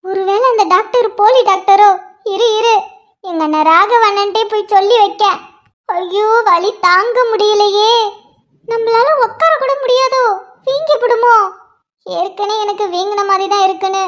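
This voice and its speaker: A woman's voice: very high-pitched, normal speed. A woman voicing a panicky young woman terrified of needles, who pleads and wails over and over in a cartoon. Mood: grumbling. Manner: pleading, wailing, repetitive begging.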